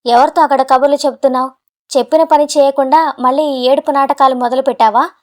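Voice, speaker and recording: A woman voicing an arrogant, abusive young husband who shouts rapidly with contempt in a storybook drama. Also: sits high, steady tone, natural voice. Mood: scornful shouting.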